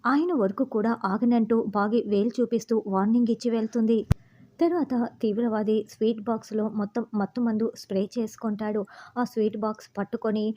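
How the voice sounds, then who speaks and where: A woman narrating a story recap in a steady, running storytelling manner. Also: fairly high pitch, brisk, highs cut off. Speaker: narrator retelling a TV serial.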